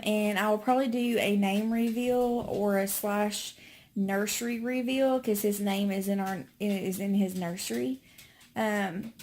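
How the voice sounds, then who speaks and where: Slow-talking pregnant young woman vlogging. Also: mid-range voice, a little mellow. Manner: rambling, filler-heavy, friendly. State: slightly out of breath. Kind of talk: casual chat to camera. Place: home indoors. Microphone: phone camera.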